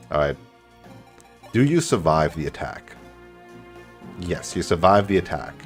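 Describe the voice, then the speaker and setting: A man doing live video game commentary, casually thinking aloud as he plays. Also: low-pitched. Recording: game music behind the voice. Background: video game music.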